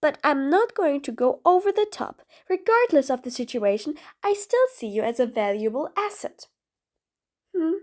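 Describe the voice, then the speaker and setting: A woman's voice: sits high, sing-song, normal speed. A woman voicing a sarcastic, exasperated female supervillain in an audio role-play drama, taunting her prisoner with bossy nicknames. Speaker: voice actress.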